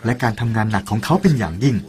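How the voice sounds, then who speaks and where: Here a man's fairly low voice rattles along rapid-fire with lively intonation as he recounts a parable, addressing the listener in an earnest, persuasive manner. Soft music sits under his voice.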